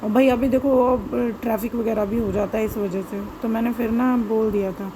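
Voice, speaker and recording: Hoarse woman vlogger, chatty narration. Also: fairly high pitch, steady tone, moderate pace, noisy background. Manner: chatty, rambling, self-correcting with "matlab". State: hoarse, sore throat. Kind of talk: casual voice-over narration of home footage.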